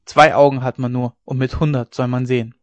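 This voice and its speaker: A man voicing a blustering, gruff old dike reeve who bursts out in a booming voice. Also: flat delivery, fairly quick, no echo, close to an everyday voice. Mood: scolding.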